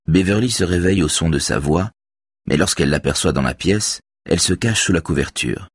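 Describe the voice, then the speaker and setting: A man giving a measured, even scripted narration of a novel. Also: low voice, slightly rough, no room sound.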